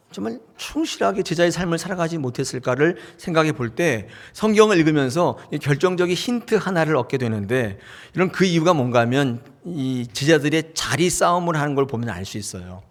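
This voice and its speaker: Male pastor, conversational sermon delivery with an animated pitch range; asks the congregation questions and acts out bits of dialogue. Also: moderate pace. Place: church sanctuary.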